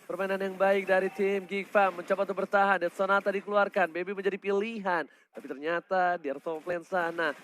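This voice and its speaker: A man with an Indonesian accent doing excited, dramatic play-by-play commentary as an esports caster. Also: high voice, a little fast, few pauses, a little hiss or hum. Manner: dramatic, exclamatory. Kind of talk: excited live game commentary.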